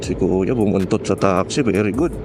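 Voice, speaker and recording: A Filipino motovlogger with a low-sitting voice chats casually at normal speed while riding his motorcycle through city traffic, music playing in the background. His talk is joking and slangy, mixed with English.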